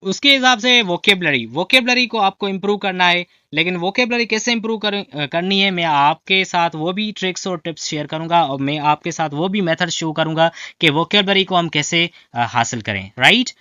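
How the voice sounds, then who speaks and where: High, bright male teacher. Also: animated, normal speed, hardly any pauses, clear, resonant tone, no echo. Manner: explains patiently, checks in with "right", mixes in English phrases. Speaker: English teacher. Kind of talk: spoken lecture. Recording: dull lo-fi, dry.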